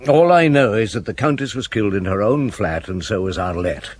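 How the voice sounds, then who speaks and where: A man's voice: on the low side, expressive, brisk, a little mellow. An actor playing a seasoned, fatherly chief inspector in a radio drama, terse, dry and authoritative. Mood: terse, commanding. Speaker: lead detective in a radio drama. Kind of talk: naturalistic radio drama acting.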